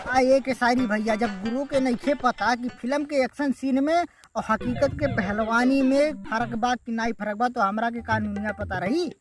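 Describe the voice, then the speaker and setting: A woman with a Bhojpuri accent jokes rowdily through a comedy sketch. Her voice sits somewhat high, and loud music runs under her talk. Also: fairly even intonation, normal speed. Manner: rowdy, joking. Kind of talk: comic sketch banter.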